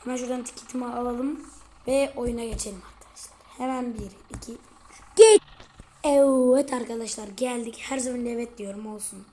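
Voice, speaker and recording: A woman giving casual commentary on her gameplay, chatty and excitable, often turning to address her viewers. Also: fairly high pitch, fairly quick. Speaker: gaming video creator.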